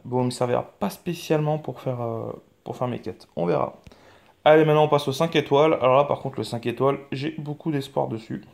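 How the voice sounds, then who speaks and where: A man's voice: medium pitch, a little fast, gravelly, a little mellow. Rambling French-speaking man on a game channel. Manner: rambling, hesitant, many fillers and restarts; mild swearing, frank and offhand. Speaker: mobile game channel host. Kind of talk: casual gameplay commentary.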